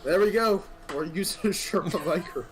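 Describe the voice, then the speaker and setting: A man's voice: high-pitched, normal speed. A man chatting casually with a friend over a voice call, tossing in joking, teasing asides. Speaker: guest friend. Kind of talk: casual chat. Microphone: voice chat.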